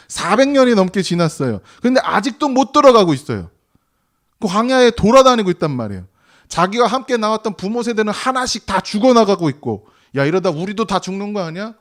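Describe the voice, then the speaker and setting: Man, pastor, sunday sermon, high voice, very animated pitch, rhetorical questions. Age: 40s or older. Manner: conversational preaching, rhetorical questions, acts out quoted voices. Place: church sanctuary.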